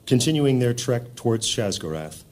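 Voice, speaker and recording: A man's voice: mid-range voice, very animated, moderate pace, a little mellow. A man narrating a scripted fantasy audio drama in a solemn, descriptive manner.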